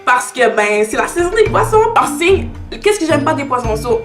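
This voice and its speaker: A young woman of nineteen speaks with a Québécois French accent. She chats casually to camera and drifts between French and English. Her voice sits high, and it echoes in the room over steady background music. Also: moderate pace. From Canada. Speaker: YouTuber.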